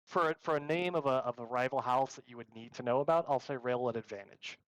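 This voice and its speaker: A man's voice: medium pitch, quick pace, no echo, poor audio. A man runs a tabletop game with easy, meandering narration. His voice sits mid-range and is recorded close and dry, with no room sound around him. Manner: casual, filler-heavy narration. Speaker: game master.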